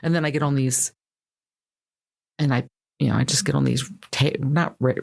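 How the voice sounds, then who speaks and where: Chatty podcaster with a gravelly voice. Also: mid-range voice, fairly even intonation. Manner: chatty, quick, laughs often. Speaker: podcast co-host. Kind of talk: casual chat.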